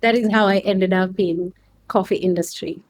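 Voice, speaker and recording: In relaxed interview answers, a young adult woman from Kenya explains to a podcast host her route into the coffee world, where she's a customer experience manager. She speaks slowly in a steady, medium-pitched voice, with plenty of fillers and restarts.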